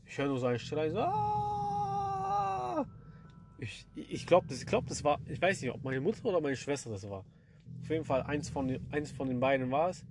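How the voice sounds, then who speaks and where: A man's voice: mid-range voice, quick pace, a little mellow, slight background noise. A young man telling a horror story to his listeners in slangy, casual speech, often turning to address them directly. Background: background music.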